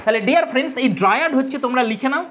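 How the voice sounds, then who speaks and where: Woman teacher going thru a poem line by line, kinda high voice, bit of background hiss. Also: rapid-fire. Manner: explanatory, repeats key terms, addresses students directly. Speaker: English literature teacher. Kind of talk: line-by-line poem explanation lesson.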